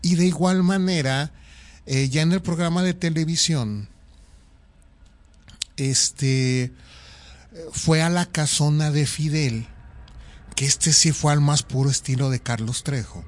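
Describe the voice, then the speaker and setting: A man's voice: a little high, slow, pauses often. A man giving a conversational commentary on an old radio show, with fillers as he talks. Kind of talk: casual commentary.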